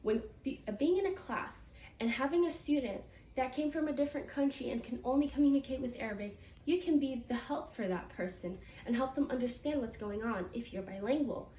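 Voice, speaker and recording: Her voice high-pitched, brisk and warm, a teen girl from the United States gives a prepared class speech. She's earnest and stumbles slightly, restarting here and there, while a far-off mic catches room echo and faint noise.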